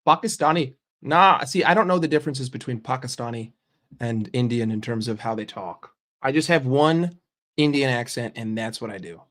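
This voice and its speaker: Expressive and fairly bright in tone, a young man with a mid-range voice speaks at normal speed while streaming. He's casual and profane, cracking jokes and responding to messages from viewers.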